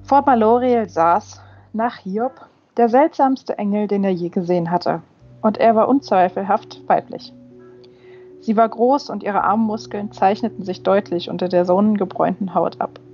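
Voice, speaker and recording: A woman narrating a fantasy novel as an audiobook reader, in a measured, steady reading. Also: mid-range voice. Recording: slightly dull with faint music.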